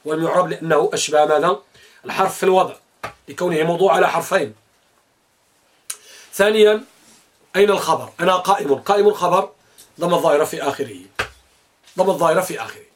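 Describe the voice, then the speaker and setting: A man teaching a classroom grammar lesson, asking questions and answering them himself, sometimes chanting verses. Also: a little high.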